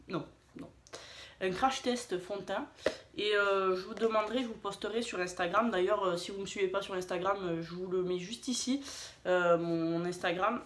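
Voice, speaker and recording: A little hiss or hum sits under this medium-pitched woman's voice, recorded in an echoey room. As a beauty vlogger filming a casual haul and swatch video, she's chatty and self-deprecating, stumbling through fillers and restarts.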